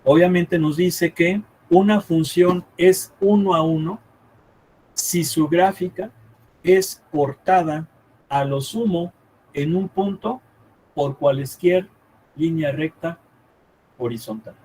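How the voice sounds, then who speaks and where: A man teaching a math class live, thinking aloud as he draws on the board and checking often with quick questions whether the students follow. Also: on the high side, darkish tone, low-quality recording.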